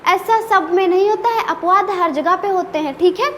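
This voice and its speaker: A woman's voice: extremely high pitch, normal speed, a bit bright. A woman teaching an English grammar lesson, often asking her students rhetorical questions. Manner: playfully scolding. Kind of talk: classroom-style grammar lesson. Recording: long reverb with faint background noise.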